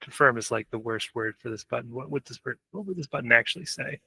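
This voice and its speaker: A man with a bright, sharp-edged voice chats casually at a game studio meeting. He muses aloud and reacts quickly, at a medium pitch. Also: expressive, vocal fry, husky. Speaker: game developer. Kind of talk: casual work meeting discussion.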